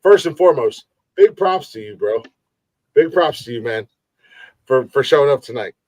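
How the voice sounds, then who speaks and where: A man's voice: mid-range voice, animated, normal speed, dry recording. A man in his forties hosting a casual live-stream podcast, rambling, repeating himself and swearing freely. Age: 40s. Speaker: podcast host.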